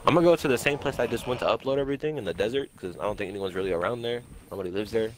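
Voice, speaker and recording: A young man in a gaming voice chat, quickly explaining and guiding his friends through the game. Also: on the low side, a little hiss or hum. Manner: quick, instructive, guiding others.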